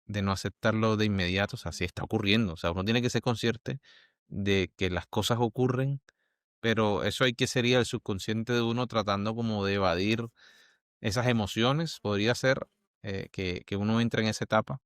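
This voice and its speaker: A man's voice: fairly low pitch, a little fast, fairly bright tone, clean tone, dry recording, clean studio sound. A man hosting a podcast interview, thinking aloud hesitantly as he asks his questions. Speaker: podcast host. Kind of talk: conversational interview.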